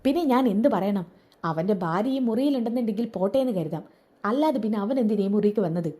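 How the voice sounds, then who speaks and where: A woman plays a scheming young husband in a retold serial story, taunting and accusing. The voice is mellow and a little husky. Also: mid-range voice, animated, a little fast. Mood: suspicious.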